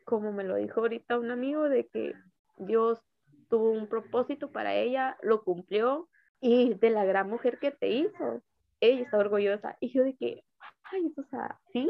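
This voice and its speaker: Young woman, Mexican accent, slightly high voice, gravelly fry, hesitant personal storytelling, thin phone-like sound. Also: dry recording. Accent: Mexican Spanish. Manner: hesitant, halting, searching for words. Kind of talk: personal storytelling about grief.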